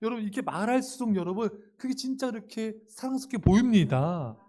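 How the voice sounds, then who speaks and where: A male pastor delivering a sermon, speaking straight to his congregation in a lively way and acting out everyday sayings with humor. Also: sits high, brisk. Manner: addresses the congregation directly and often; animated, acts out everyday quotes with humor.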